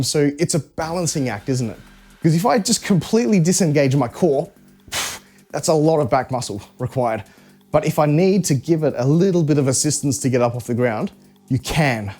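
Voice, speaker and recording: A man coaching a live workout in a casual, conversational way, cueing exercise moves step by step. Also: on the high side. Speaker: fitness coach. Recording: music behind the voice. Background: music.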